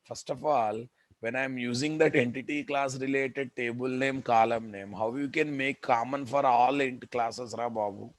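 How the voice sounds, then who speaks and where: A man's voice: medium pitch, fairly even intonation, normal speed, no room sound. A man with a Telugu Indian accent teaching live coding, dictating code aloud, repeating phrases and addressing his students directly. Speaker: programming instructor.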